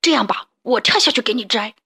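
A woman's voice: a little high, expressive, a little fast, sharp tone, breathy edge, full character voice. A woman voicing a big, strong, bossy male tiger in a children's story, with a drawling, showy way of talking. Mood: coaxing.

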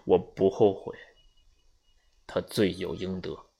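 A calm, resigned old general speaks slowly and politely in a low, gravelly voice, as a male audiobook reader puts him on. He is grave and courteous, with no hurry in him. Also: exaggerated voice. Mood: grave sorrowful. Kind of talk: audiobook reading.

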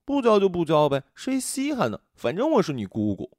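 A bold, teasing village girl from a storybook, her voice pitched up high with lots of lively swoops. She talks sassy and spirited, voiced by a man reading the story. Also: a little fast, no room sound, studio quality. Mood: sulky. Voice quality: high, bright put-on girl's voice.

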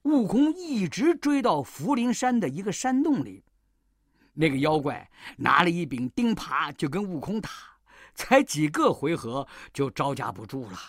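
A storyteller narrating a classic tale for children, expressive and full of sound effects. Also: mid-range voice, measured pace, dry recording, clean studio sound.

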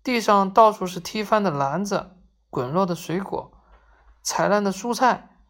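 Reading a children's tale aloud, a woman tells it gently and expressively at a slightly slow pace, her voice sitting in the mid range.

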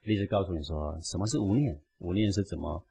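A man's voice: sits low, quick pace, vocal fry, mellow. A man giving an emphatic, preachy Buddhist radio lecture and acting out quotes along the way. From Taiwan.

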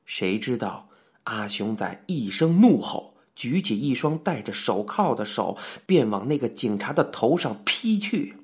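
A man's voice: medium pitch, sing-song, unhurried. A man narrating a novel as an audiobook, telling the story expressively. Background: faint music.

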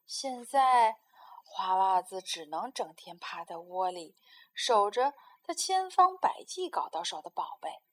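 A woman reading a children's story aloud in a gentle, expressive way. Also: mid-range voice, unhurried.

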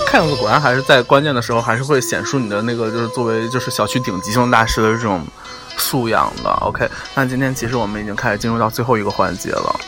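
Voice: mid-range voice, fast talker, loud music behind the voice. A playful, teasing host chatting casually and comically, given to exclamations. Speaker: talk show host. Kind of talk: casual comedic chat.

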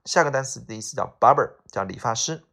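A man teaching English exam vocabulary, explaining each word and slowly repeating the English terms. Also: medium pitch, expressive, vocal fry, fairly bright tone. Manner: explains in Chinese, repeats English words slowly, frequent "OK啊" tags.

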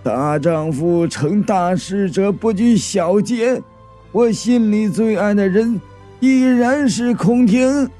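Male storyteller doing a high, slow, bitter schemer of a son-in-law in a folk tale. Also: mellow, soft background music. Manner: slow, bitter, self-justifying pleading. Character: scheming resentful live-in son-in-law, young man.

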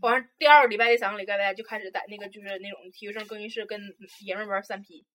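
A young woman with a Northeastern Chinese accent, co-hosting a podcast and telling animated gossip about her school days. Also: medium pitch, racing, slight background noise. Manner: animated gossiping, acts out voices. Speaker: podcast co-host. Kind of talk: casual storytelling chat.

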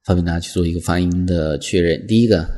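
A man teaching English vocabulary in a lesson, explaining patiently and reading example sentences slowly and carefully. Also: deep voice, level tone, mellow.

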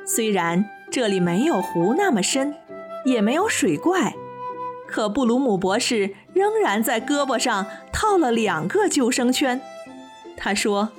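Woman storyteller for kids, animated and expressive, slightly high voice, over clear background music. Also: unhurried. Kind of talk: children's storybook narration. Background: children's music.

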